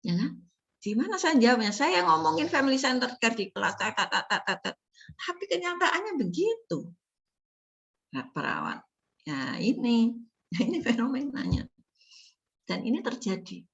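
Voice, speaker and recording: A middle-aged woman, a nursing lecturer telling stories in a casual, animated class talk full of rhetorical questions. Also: fairly high pitch, moderate pace, creaky, long pauses, highs cut off. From Indonesia. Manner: chatty, animated storytelling with laughs and rhetorical questions.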